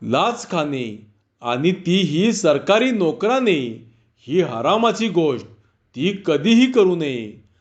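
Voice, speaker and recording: Casual: guy slowly reading out a village story, kinda high voice. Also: very animated, dull audio. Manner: slow, deliberate storytelling.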